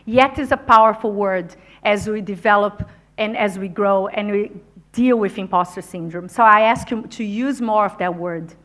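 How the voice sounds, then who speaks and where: Speaking at normal speed in a medium-pitched voice, a non-native English-speaking woman delivers a motivational talk to a conference audience. She's energetic and encouraging, speaking straight to the people in the venue.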